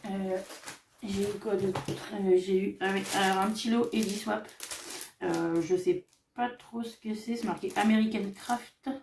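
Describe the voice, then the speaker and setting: A woman vlogger casually showing off her craft shopping haul, chatty and hesitant, often pausing on fillers as she describes each item. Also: medium pitch, steady tone, vocal fry, a little mellow, distant mic, a little hiss or hum. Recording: echoey room, voice off-mic.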